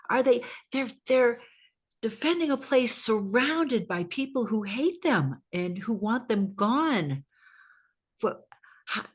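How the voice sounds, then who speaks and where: A woman hosting a podcast interview, asking searching questions with halting restarts. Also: mid-range voice, breathy edge. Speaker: podcast host. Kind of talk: casual interview talk.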